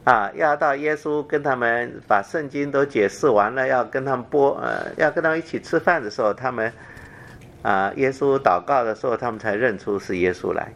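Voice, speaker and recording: A man preaching a Bible teaching sermon, talking haltingly with fillers and repeated phrases, and dropping softer to read the scripture quotes. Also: medium pitch, gravelly.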